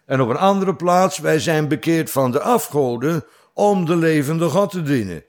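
A middle-aged man preaching, reading scripture slowly and with stress, then explaining it in plain talk. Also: a little high, lively intonation. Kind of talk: Bible teaching sermon.

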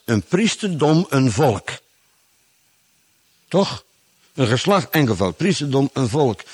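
A man delivers a Bible exposition sermon at a measured, teaching pace. His pitch swings widely as he stresses key words and poses rhetorical questions. The sound is dry and close, with little room echo. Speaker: preacher.

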